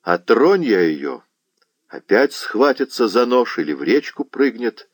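A man's voice: mid-range voice, big pitch swings, unhurried, no echo, pitched above the performer's own voice. A man voicing a fierce, lovesick Cossack chieftain in an audiobook, speaking with passion and anguish.

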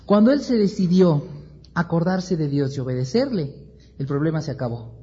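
Guy teaching bible class, lively storyteller, kinda high husky voice, muffled dull recording. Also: normal speed. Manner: animated storytelling, acts out voices, rhetorical questions.

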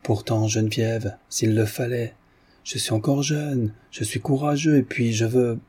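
A man's voice: mid-range voice, fairly even intonation, measured pace, mellow, husky. A man doing a hesitant, devoted husband. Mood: earnest. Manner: hesitant, earnest. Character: devoted, troubled middle-aged husband. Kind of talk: audiobook reading.

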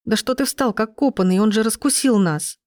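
A woman's voice: fairly high pitch, moderate pace, darkish tone, no room sound, clean studio sound, pitched above the performer's own voice, close to an everyday voice. Woman voicing a terrified, pleading young woman. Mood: panicked. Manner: pleading, panicked.

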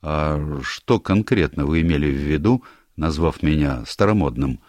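A man voicing a stiff, old-fashioned gentleman captain in an audiobook, prim and hesitant. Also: rumbling low, lively intonation, moderate pace, dry recording. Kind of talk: audiobook character voice.

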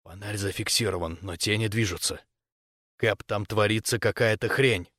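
A man voicing a brave, joking male space corporal who gives calm radio reports. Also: a little high, moderate pace, dry recording, studio quality. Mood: hushed whisper.

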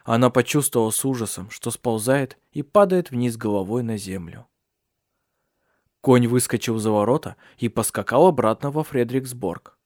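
A man narrating a novel in a calm, even voice of middling pitch. He reads steadily into a close mic. The recording is dry with no room sound. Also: moderate pace, dry recording. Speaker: audiobook narrator. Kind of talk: scripted narration.

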